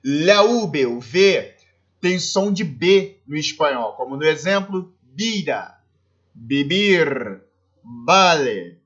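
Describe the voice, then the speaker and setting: A man's voice: fairly high pitch, expressive, slow pace, muffled recording. A Brazilian man with a Brazilian Portuguese accent, a teacher giving a recorded lesson and explaining step by step, often checking in with his students. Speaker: Spanish teacher.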